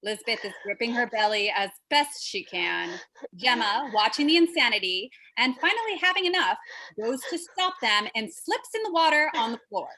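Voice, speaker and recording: A woman's voice: fairly high pitch, lively intonation, normal speed, bright, forceful tone, rough recording. A woman reading out stage directions for an audio drama, matter-of-fact with wry asides. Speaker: narrator.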